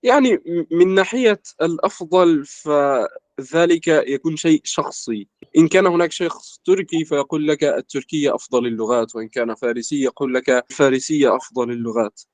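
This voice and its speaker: A young man from Egypt, a language student in an interview, explaining at a measured pace with lots of filler words. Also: a little high, no room sound. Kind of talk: casual conversation in formal Arabic.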